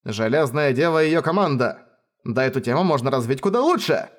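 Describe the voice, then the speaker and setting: A man's voice: medium pitch, expressive, fairly quick, close to an everyday voice. A man voicing a theatrical young man who dreams of writing novels. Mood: excited. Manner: theatrical, gushing.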